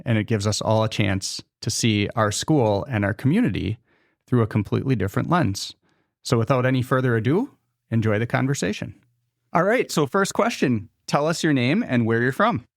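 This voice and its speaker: A man, a high school principal, hosting a casual podcast interview and asking upbeat, friendly questions.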